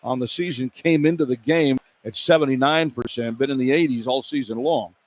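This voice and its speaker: A brisk, mid-range American man calls a basketball game live on radio from courtside in an indoor arena, tracking the action in clipped running phrases. It's a live arena broadcast with clear background noise.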